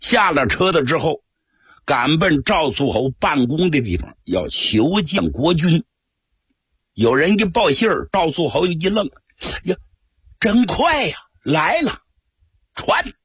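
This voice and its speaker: Husky, animated male storyteller. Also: on the high side, measured pace, no room sound, clean studio sound. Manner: animated, acts out voices. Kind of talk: traditional storytelling on radio.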